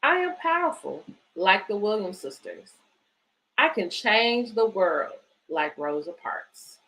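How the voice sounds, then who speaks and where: A sing-song, medium-pitched voice, pushed and bright, moves slowly through picture books for children. The woman speaking hosts a bedtime story series, directs a book organisation and chats encouragingly with families, in a low-quality recording.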